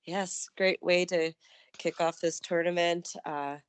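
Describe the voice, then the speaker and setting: Low-pitched woman co-hosting in dry sound. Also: fairly even intonation, slow, clean tone, no echo. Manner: casual and upbeat, with frequent fillers and restarts. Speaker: co-host of a wrestling news show. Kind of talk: casual show recap commentary.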